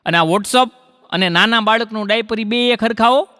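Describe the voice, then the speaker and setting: A man's voice: high-pitched, bright, forceful tone. A male comedian, reciting rhymed couplets and telling jokes to a live audience on stage. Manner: rhythmic couplet recitation then rapid joke telling. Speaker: stand-up comedian. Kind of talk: Gujarati folk comedy on stage. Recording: dry close mic with hall reverb. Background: audience laughter.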